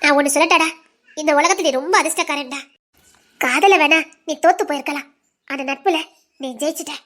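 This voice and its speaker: TV serial: a gentle consoling young woman, very high, bright voice, soft and coaxing. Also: fairly quick. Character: gentle young woman comforting her family. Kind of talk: emotional TV serial acting.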